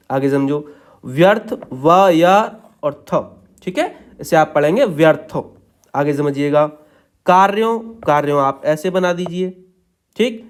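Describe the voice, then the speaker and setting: A man teaching shorthand in a patient step-by-step tutorial, checking in after each point. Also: a little high.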